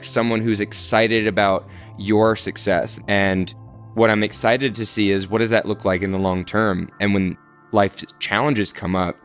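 A man's voice: lowish voice, a bit bright, clear, resonant tone. A man in his thirties, a podcast guest, talking earnestly and reflectively about his own dating life, thinking aloud. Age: 30s. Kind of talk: candid interview talk.

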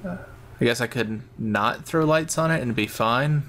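A man's voice: medium pitch, normal speed, fairly bright tone. A man giving casual gameplay commentary, thinking aloud in a rambling way. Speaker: gamer narrating his own play.

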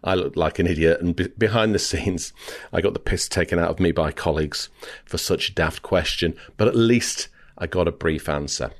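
Deep-voiced British-raised man telling a story. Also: moderate pace. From United Kingdom. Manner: conversational, frequent "you know" fillers. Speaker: podcast host, former reporter. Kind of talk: storytelling monologue.

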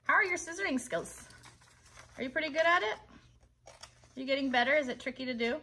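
An American woman in her thirties, a children's craft host and puppeteer, runs a live craft tutorial from an indoor child's bedroom set. Her voice is high, expressive and sharp, fairly quick, as she chats encouragingly straight to the kids.

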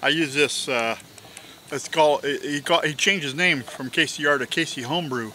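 Relaxed rambling man cooking outdoors. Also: a little high, moderate pace, slight background noise. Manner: relaxed, rambling, with filler sounds and trailing off. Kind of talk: casual chat while eating. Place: outdoors at a campsite at dusk.

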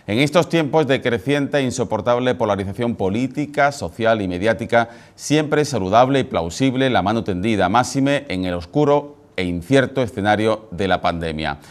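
A male TV presenter in his forties speaks with an Andalusian Spanish accent. His voice sits at an average pitch for a man. He delivers a scripted editorial to camera in a formal, measured manner, recorded on a lapel mic in a small studio.

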